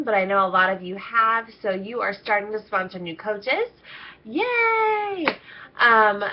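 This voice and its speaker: Congested and nasal from a coming cold, the internship coach chats upbeat with her team in a casual video training talk, using many ums in a medium-pitched voice. Slightly dull lo-fi audio.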